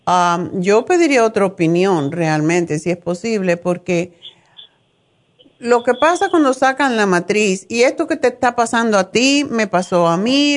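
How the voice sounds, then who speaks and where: Middle-aged female radio health host, mid-pitched, frank and opinionated, chatting familiarly with callers. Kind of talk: conversational call-in health advice.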